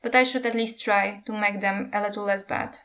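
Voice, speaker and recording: A woman reading the lines of a firm, principled young queen, voiced close to her own mid-pitched voice. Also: fairly even intonation, fairly quick, fairly bright tone, lightly acted.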